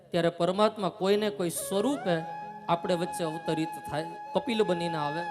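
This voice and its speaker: A man from telling a religious story at a live gathering, acting out the characters and chanting folk verses. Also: high-pitched. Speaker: katha storyteller. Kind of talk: religious discourse with acted story. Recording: reverberant hall with music behind.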